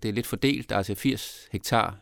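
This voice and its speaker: A middle-aged Danish man from Copenhagen, running for mayor, answers podcast interview questions with lots of restarts and fillers. His voice is fairly low, creaky and fairly bright. The recording is dry and studio quality.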